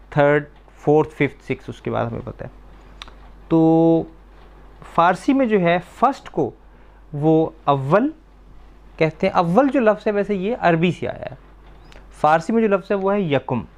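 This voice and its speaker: Man, language teacher, fairly high voice, patient, slow repetition of words, quizzes the class. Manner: patient, repeats words slowly to drill pronunciation; asks the class questions and confirms answers. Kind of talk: classroom lecture for children.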